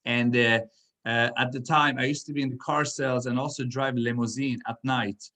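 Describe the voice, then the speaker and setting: A man's voice: medium pitch, fairly even intonation, a little fast, pushed and bright. A man born in Iran and raised in Sweden, giving a casual motivational talk full of fillers and restarts. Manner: rambling, many fillers and restarts. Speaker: speaker at a business event.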